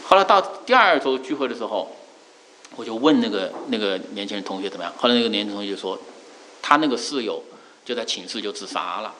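A middle-aged male preacher giving a sermon, earnest, repeating key phrases with drawn-out fillers. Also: on the low side, lively intonation, bright, forceful tone, slight background noise, rough recording.

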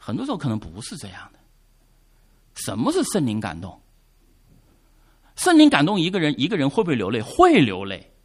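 Guy preaching a sermon, kinda high voice, swings up and down a lot, asks the crowd stuff then answers himself. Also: fairly quick, pauses often, husky. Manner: animated preaching, rising to emphatic questions and dropping to soft asides; asks the congregation questions and answers them himself. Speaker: pastor.

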